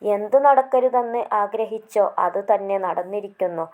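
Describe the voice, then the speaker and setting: A woman's voice: mid-range voice, moderate pace, narrow, tinny audio, lightly acted. A woman voicing a sensible, scolding father. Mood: reasoning. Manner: reasoning, mildly scolding. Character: steady, sensible middle-aged father.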